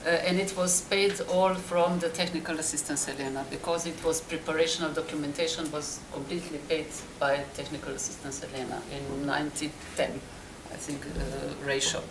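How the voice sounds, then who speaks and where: A woman presenting at a conference, answering audience questions in halting, word-searching speech. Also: deep voice, level tone. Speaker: presenting city official. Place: conference hall. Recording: roomy hall with clear noise.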